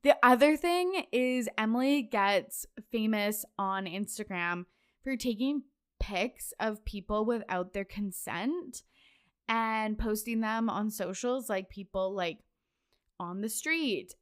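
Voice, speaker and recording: A young woman talks through a casual solo podcast in a smooth, clean voice. She is chatty and loose, scattering fillers and breaking into quick laughs as she goes. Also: mid-range voice, expressive. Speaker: podcast host.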